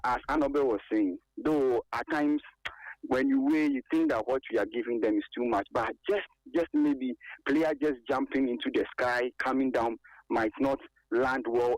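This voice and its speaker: A man comes through a clipped phone line as a call-in listener, his voice mid-pitched. He talks in a loose, hesitant way, with chuckles and lots of "uh" and "you know". The sound is dry and close. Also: no room sound. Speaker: radio call-in caller. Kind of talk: call-in opinion on a sports show. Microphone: telephone.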